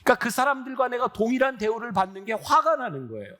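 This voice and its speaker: A man's voice: very high voice, sing-song, quick pace, sharp tone. A pastor in his sixties preaching a sermon in an earnest, conversational way, often asking the congregation questions. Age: 60s.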